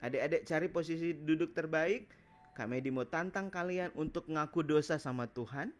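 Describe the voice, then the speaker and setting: A man's voice: on the high side, moderate pace. Manado-accented man preaching to children. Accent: Manado Malay. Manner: affectionate, encouraging. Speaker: children's minister. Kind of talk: children's sermon and guided prayer. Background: music.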